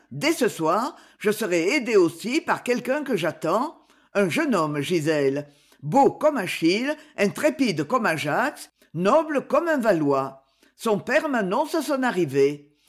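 Une lectrice qui joue un vieux duc ambitieux et grave. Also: female voice, mid-range voice, big pitch swings, slow pace. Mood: resolute. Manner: grave, forceful declamation. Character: proud ambitious aging duke, a father. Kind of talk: audiobook reading.

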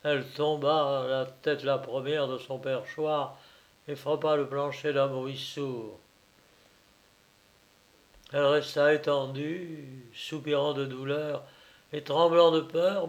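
A man narrating a story in a measured, theatrical audiobook reading. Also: fairly high pitch, little pitch movement.

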